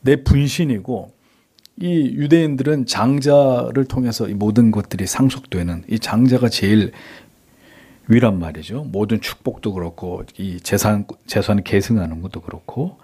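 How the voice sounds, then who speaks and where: A middle-aged male pastor preaching a sermon, acting out a father's words in a soft, tender voice and then rising to lively emphasis. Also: lowish voice, normal speed, breathy edge.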